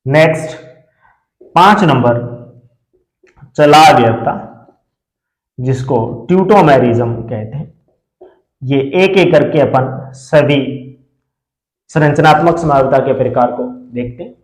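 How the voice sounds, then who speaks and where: Echoey male teacher, quizzing and answering. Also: medium pitch. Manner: asks questions then answers them himself; repeats key terms slowly for note-taking. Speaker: chemistry teacher. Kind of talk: classroom lecture.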